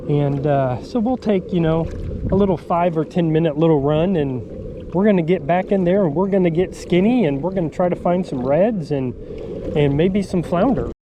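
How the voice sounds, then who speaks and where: A man's voice: fairly high pitch, normal speed, muffled recording, background noise. A man hosting a fishing vlog from a kayak on a tidal creek, talking casually with plenty of ums, a bit winded from pedaling. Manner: relaxed, chatty, frequent ums and uhs. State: a little out of breath from pedaling. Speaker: fishing channel host. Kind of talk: casual outdoor vlog talk.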